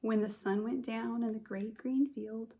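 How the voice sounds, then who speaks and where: Slow, higher-voiced woman reading to young children. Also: fairly even intonation, vocal fry, dark tone, slight background noise. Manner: addresses children directly with questions and prompts. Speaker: kindergarten teacher. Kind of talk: read-aloud of a picture book to young children.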